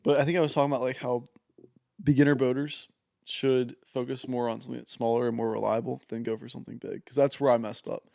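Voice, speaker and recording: A young man, a podcast guest, talking in a laid-back, halting way, often repeating words as he thinks aloud. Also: mid-range voice, flat delivery, gravelly, darkish tone, no room sound, studio quality. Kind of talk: casual chat.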